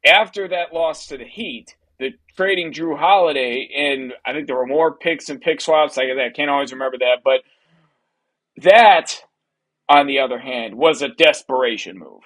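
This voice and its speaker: A man in his thirties from Wisconsin co-hosting a casual sports podcast, talking energetically in quick bursts and laughing often. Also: medium pitch, fairly bright tone. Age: 30s. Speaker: podcast co-host.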